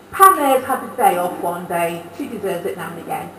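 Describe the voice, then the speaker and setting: A woman's voice: fairly low pitch, sharp tone. A woman reciting comic verse on a social club stage, with a broad, theatrical delivery that slips into dialect. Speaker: stage performer. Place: social club stage, amateur variety show. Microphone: distant camera mic. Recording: echoey hall from far off, faint hiss.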